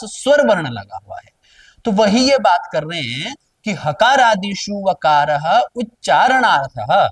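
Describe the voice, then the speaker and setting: High-voiced man teaching grammar, off-mic. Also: distant mic. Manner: repeats key terms and asks then answers his own questions. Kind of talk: explanatory lecture.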